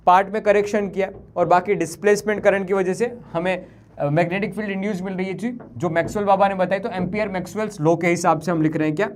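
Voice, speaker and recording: Higher-voiced man teaching physics. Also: steady tone, slight background noise. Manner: talks to students as family, drops into soft apologetic tones; mixes Hindi with English formula terms, reads equations slowly. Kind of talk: live online class.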